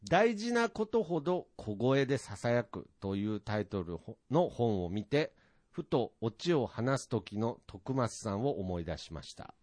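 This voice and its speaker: A man's voice: medium pitch, big pitch swings, a little slow, darkish tone. A man co-hosting a podcast, chatting casually in a polite, hesitant way, with many fillers. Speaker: podcast co-host. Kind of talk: casual chat.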